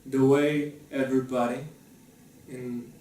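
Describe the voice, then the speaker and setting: A young man and law student answering interview questions in a halting way, repeating himself. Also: mid-range voice, level tone, mellow, slight background noise. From Bulgaria. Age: young adult. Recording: echoey, distant from the mic.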